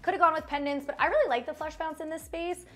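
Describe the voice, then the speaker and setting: In a casual home tour through bright rooms, an interior designer in her thirties talks fast in a high voice. She keeps things upbeat and laid-back as she walks through her house, often breaking into laughter.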